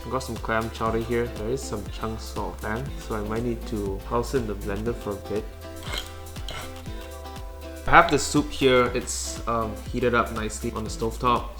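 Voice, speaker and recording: A man talking casually in a home vlog about his day, with a halting, hesitant delivery. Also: lowish voice, fairly even intonation. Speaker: vlogger. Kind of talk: casual cooking and recovery vlog. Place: indoor home kitchen. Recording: echoey room with music behind.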